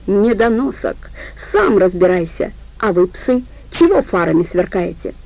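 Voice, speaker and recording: A ruthless male gang boss, as a woman reader puts him on, snapping out short furious commands. The voice is gravelly and dark, with a rough creak at the bottom. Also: medium pitch, very animated, measured pace, exaggerated voice, low-quality recording. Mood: angry commanding. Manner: curt, furious shouting.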